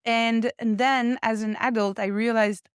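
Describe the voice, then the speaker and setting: A woman's voice: a little high, steady tone, a little slow, clean tone, no echo, clean studio sound. A young adult woman from France with a French accent, speaking English as a podcast guest in a casual, reflective conversation and laughing easily.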